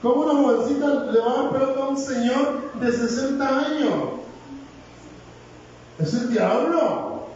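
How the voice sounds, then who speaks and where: A man delivers a lively, joking sermon in a high voice. He is picked up from afar in a very echoey church hall. The sound is dull, with a faint hiss underneath. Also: measured pace, pauses often, far from the mic. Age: 60s. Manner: humorous, animated, jokes with congregation. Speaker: preacher.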